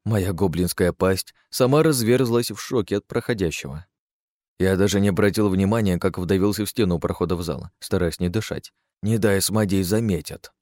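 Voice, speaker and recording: Male audiobook narrator, low voice, dry close sound, sardonic crude first-person telling. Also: a little fast, darkish tone, dry recording.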